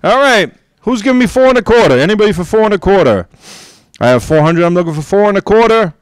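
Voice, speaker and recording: A man with a high, smooth and resonant voice runs a live auction at a convention. He calls out bids rapidly, coaxing the room to raise the price. The sound is dry and close. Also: expressive, no echo. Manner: upbeat, coaxing, rapid-fire bid calls. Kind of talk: live auction bid calling. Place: gaming convention event.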